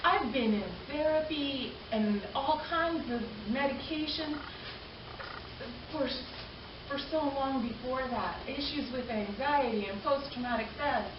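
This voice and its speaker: A Canadian-raised woman in her forties, speaking as a panelist at a community arts event hall, has a high voice and talks a little slowly. She addresses the gathering earnestly and from the heart, repeating phrases for emphasis. The recording is echoey and dull, with a distant mic and background noise.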